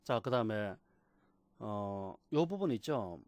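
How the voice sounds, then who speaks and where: A man teaching a software class, patiently repeating key terms and asking rhetorical questions. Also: fairly low pitch, expressive, takes it slowly, no room sound. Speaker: computer instructor. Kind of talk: screen-recorded software tutorial.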